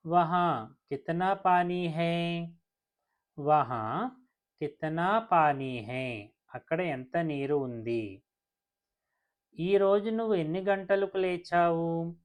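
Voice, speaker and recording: Slow, patient language teacher. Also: mid-range voice, a little mellow. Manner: repeats phrases slowly, word by word. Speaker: Hindi teacher. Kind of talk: language lesson.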